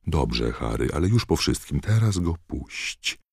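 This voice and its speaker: A man playing a very old headmaster in an audiobook, gentle and unhurried, on a very deep, husky voice recorded dry and close. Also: big pitch swings, dry recording, heavily acted. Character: very old, thin, calm headmaster.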